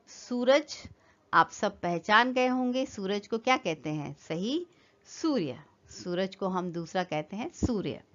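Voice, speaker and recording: A woman's voice: mid-range voice, lo-fi sound. A woman teaching a children's lesson, patiently spelling words out for young kids.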